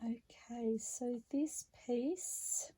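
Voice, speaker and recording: A craft vlogger narrates each step of her work in a chatty, unhurried way, talking at a slow, easy pace. Her slightly high voice is mellow but carries a croaky edge today, and the whole thing feels like relaxed narration while she crafts.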